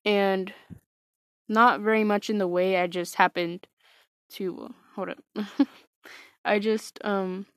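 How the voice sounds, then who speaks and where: Slow, hesitant woman telling a story. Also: medium pitch, steady tone, no room sound, clean studio sound. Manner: hesitant, many fillers and restarts; wry, self-mocking. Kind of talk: casual personal storytelling.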